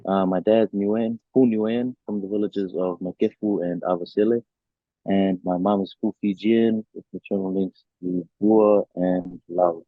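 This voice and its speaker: A man's voice: deep voice, a little slow, dry recording. A young man from New Zealand, a rugby player answering interview questions casually with lots of fillers over a video call. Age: young adult. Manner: relaxed, many fillers and restarts. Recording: dry tinny video call audio.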